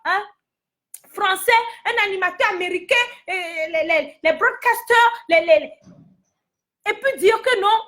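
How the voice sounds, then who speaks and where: Very high-pitched indignant Togolese woman. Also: fairly bright tone. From Togo. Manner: indignant, repetitive, addresses viewers directly. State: angry. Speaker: commentator giving her opinion. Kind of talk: heated opinion vlog.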